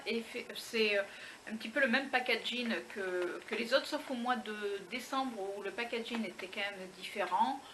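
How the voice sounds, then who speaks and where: A woman's voice: fairly high pitch, bright, forceful tone, slight background noise, poor audio. A woman vlogger chatting casually as she unboxes a beauty box, full of fillers, restarts and little exclamations.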